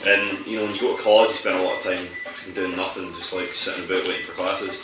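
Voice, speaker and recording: A man's voice: deep voice, fairly even intonation, quick pace. A young man chatting casually and at length about games he played, with a rambling, swearing manner. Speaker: podcast co-host playing games. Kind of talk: casual banter while gaming. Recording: echoey room from far off, music behind.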